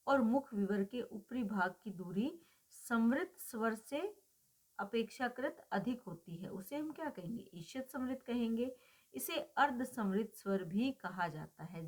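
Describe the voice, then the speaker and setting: Woman lecturer, steady explanatory delivery, rhetorical questions, drawn-out example sounds. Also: mid-range voice. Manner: asks rhetorical questions and answers them; draws out vowel sounds as examples. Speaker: teacher.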